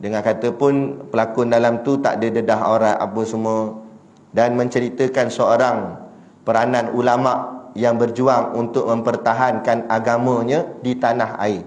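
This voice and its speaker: A man preaching in a Malaysian Malay accent, telling a story with animated delivery and rhetorical questions. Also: mid-range voice, moderate pace, echoey room. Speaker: religious preacher. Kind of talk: sermon.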